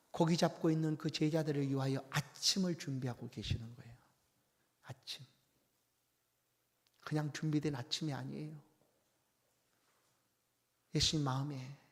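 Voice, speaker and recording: Male pastor, fairly high voice, fervent sermon delivery that drops to a whisper and then rises to shouts, long church reverb. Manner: swings from hushed whispers to loud impassioned outbursts. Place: church sanctuary.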